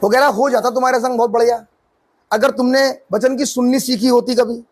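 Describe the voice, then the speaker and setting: Male pastor, very high voice, emphatic questioning sermon style. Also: steady tone, brisk, slightly rough. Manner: preaching with rising emphatic questions.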